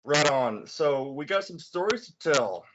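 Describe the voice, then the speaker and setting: A man in his twenties hosting a casual podcast chat, talking in halting bursts with many restarts. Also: on the high side, animated, a bit bright, slight background noise. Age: 20s. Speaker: podcast host. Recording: dull lo-fi recording.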